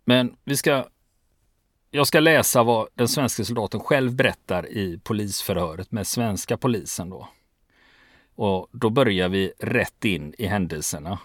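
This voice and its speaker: A man narrating a true-crime podcast, explaining an investigation in a measured, plain-spoken way. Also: lowish voice, no room sound, studio quality.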